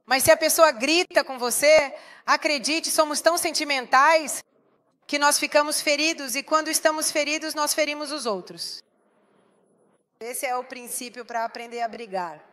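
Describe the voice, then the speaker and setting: A woman's voice: high voice, fairly bright tone. A woman pastor preaching a sermon, emphatic and putting rhetorical questions to the congregation.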